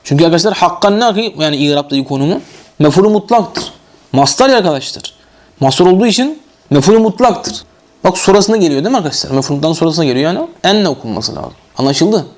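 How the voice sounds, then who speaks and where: A man's voice: a little high, darkish tone. A man with a Turkish accent teaching Arabic grammar in a classroom lecture. He reads the text aloud, explains it and keeps asking his students questions.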